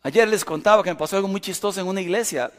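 A middle-aged male pastor, preaching with animated storytelling that swings from loud to hushed. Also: high-pitched, rapid-fire. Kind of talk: sermon. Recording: long hall reverb.

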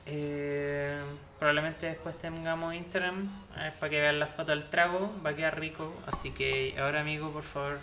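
A man's voice: a little high, steady tone, normal speed, bright, forceful tone, slight background noise. A young man with a Chilean accent hosting a casual cocktail show, explaining the recipe with crude jokes. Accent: Chilean Spanish. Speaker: host mixing cocktails.

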